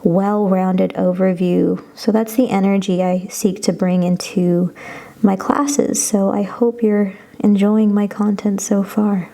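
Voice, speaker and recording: A woman's voice: medium pitch, flat delivery, slow pace, gravelly, warm tone, rough recording. A woman yoga instructor guiding a class through poses in an encouraging, reassuring and informal way.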